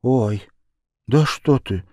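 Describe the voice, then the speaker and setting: A man voicing a gentle, frightened young girl in a storybook reading, high and pleading. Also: very slow, dry recording, studio quality.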